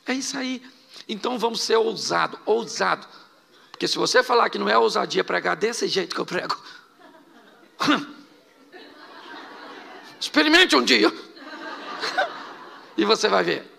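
A middle-aged Brazilian pastor preaches in a high, heavily gravelly voice. His tone is sharply bright and forceful. He fires off rhetorical questions and mixes in joking asides. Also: sing-song, unhurried, long pauses. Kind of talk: sermon.

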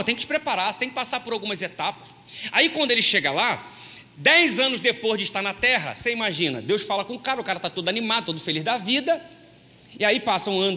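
A man preaching a lively, joking sermon as pastor, folksy and constantly addressing his listeners as brother. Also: extremely high pitch. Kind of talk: lively sermon with humorous stories. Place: church hall. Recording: long hall reverb.

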